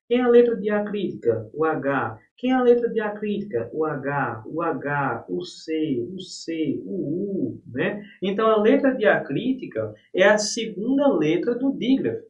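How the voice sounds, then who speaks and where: A man's voice: sits high, big pitch swings, measured pace, few pauses. A man teaching a live online exam-prep class in a folksy, chatty way. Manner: folksy, talks to students as "gente" and "rapaz". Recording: echoey room, distant dull mic.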